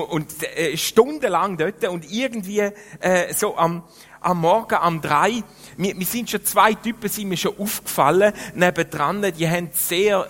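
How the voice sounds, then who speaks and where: Middle-aged Swiss German pastor telling a story. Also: male voice, fairly high pitch, in a large hall. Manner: lively, rambling, many fillers and restarts. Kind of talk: storytelling sermon.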